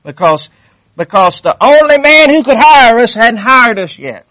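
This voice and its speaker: A man's voice: very high-pitched, big pitch swings, a little slow, pushed and bright, no echo. A man preaching a sermon, fervent and repetitive, reading scripture aloud with rising intensity. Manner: fervent, repeats phrases, reads scripture aloud.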